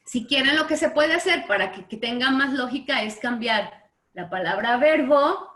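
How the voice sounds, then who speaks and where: Teaching literature online from home, a woman with a Mexican Spanish accent checks in with her class through a steady stream of quick questions. She sounds high-pitched, animated, pushed, and bright in an echoey room.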